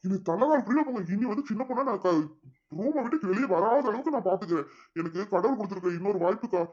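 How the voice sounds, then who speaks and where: A woman's voice: medium pitch, lively intonation, fast talker, darkish tone, dull audio, lightly acted. A woman voicing a worried young husband in a cartoon, talking in a flustered, pleading way. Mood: relieved.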